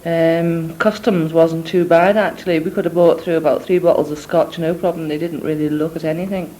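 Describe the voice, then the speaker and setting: A woman's voice: low voice, steady tone, normal speed, mellow, poor audio. A young woman with a mixed Scouse and Scottish accent, rambling through a spoken cassette letter to family, full of ums and asides, recorded indoors on a cassette recorder. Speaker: letter writer. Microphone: cassette or dictaphone recorder.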